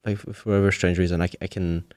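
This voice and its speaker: A man's voice: sits low, level tone, very fast, darkish tone, no room sound, studio quality. A man hosting a casual podcast, asking long questions while searching for words. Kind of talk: casual interview chat.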